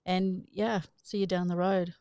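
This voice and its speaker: A woman's voice: on the low side, little pitch movement, a little slow, mellow, clear, resonant tone, no room sound. South Australian woman, dry close sound. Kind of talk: casual podcast conversation.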